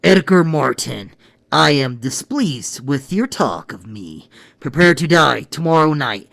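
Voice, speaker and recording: A man's voice: a little high, expressive, creaky, a bit bright, no echo, heavily acted. A man voicing the Joker, a sneering, theatrical villain clown who draws out his words and cackles. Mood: menacing. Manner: mocking, drawn-out delivery with cackling laughs.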